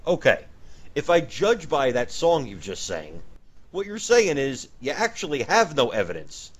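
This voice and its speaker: A man's voice: mid-range voice, huge pitch swings, unhurried. A man hosting a comedy sketch, talking in an emphatic, mock-indignant way. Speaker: comedy show host.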